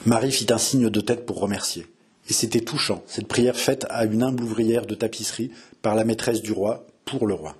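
A man reading a historical novel aloud with dramatic, expressive narration. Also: fairly low pitch, normal speed, breathy edge. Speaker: audiobook reader.

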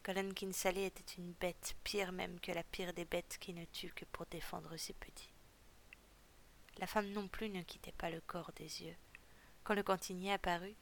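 A woman narrating an audiobook story in a steady, even storytelling manner. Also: fairly low pitch, slight background noise.

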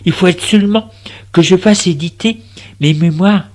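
A man reading a first-person story aloud in a slow, intimate, tense way. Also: high-pitched, darkish tone.

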